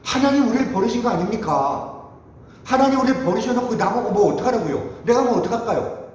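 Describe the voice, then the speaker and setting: Picture a timid, grumbling ancient man who whines and protests that he cannot do what is asked, as a preacher puts him on. His voice is pitched high and jumps around with lots of movement. It rings out in an echoey hall. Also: expressive, moderate pace, a little mellow, natural voice. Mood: whining. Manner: whining, protesting. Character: fearful, complaining ancient Israelite man.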